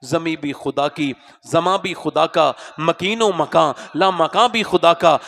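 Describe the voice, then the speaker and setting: A tearful woman begs for mercy in a pleading, sobbing voice, as a man preaching puts her on. The tone is bright and forceful and sits a little high. It is told as part of a spoken sermon story.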